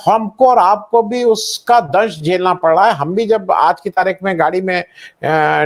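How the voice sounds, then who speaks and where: A man, an author and panel guest, speaking in a measured, critical way with frequent hesitations. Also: sits high. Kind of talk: panel discussion.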